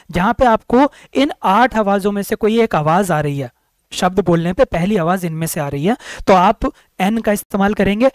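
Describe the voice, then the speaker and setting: A man teaching English grammar for exam preparation, repeating words slowly, sounding out each vowel and answering his own questions. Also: sits high, no echo. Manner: asks questions then answers them himself. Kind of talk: exam-prep grammar lecture.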